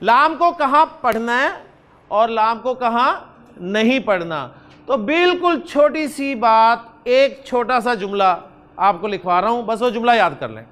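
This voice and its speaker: Male Arabic teacher with a very high voice who lectures patiently and drills students with questions. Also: expressive, a bit bright. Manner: slow, repeats examples, drills students with questions. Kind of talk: classroom lecture.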